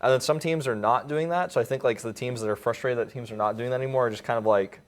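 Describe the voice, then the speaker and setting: A man's voice: medium pitch, fast talker. A man casting an esports match, chatty and joking, with lots of fillers. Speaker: esports caster. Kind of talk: casual esports commentary.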